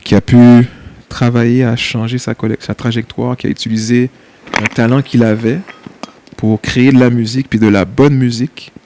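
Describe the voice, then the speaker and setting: Here the Quebec-born guest, a nonprofit CEO with a Québécois French accent, sounds mellow at a medium pitch. It's a casual interview chat, and he hesitates often, uses lots of fillers and laughs easily.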